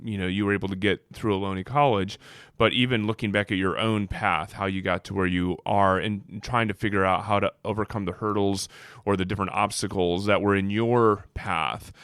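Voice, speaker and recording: Podcast host, male, lowish pitch, friendly interviewer, dry mic. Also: fairly even intonation, normal speed, hardly any pauses, fairly bright tone, clear, resonant tone, no echo. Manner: friendly, many affirming backchannels. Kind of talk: casual interview chat.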